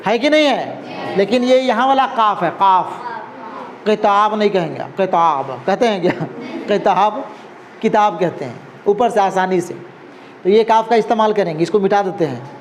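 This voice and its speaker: High-voiced man teaching a class. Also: animated, normal speed, slight background noise. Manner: explains patiently, often checks if students follow. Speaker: Urdu teacher. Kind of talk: classroom lesson.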